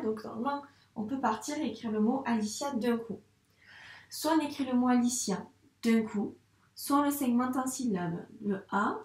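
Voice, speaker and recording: A woman teaching young children handwriting, speaking patiently and slowly spelling words out syllable by syllable. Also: fairly high pitch, darkish tone, reverberant, recorded from a distance. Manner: slow, patient, syllable-by-syllable dictation. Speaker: primary school teacher.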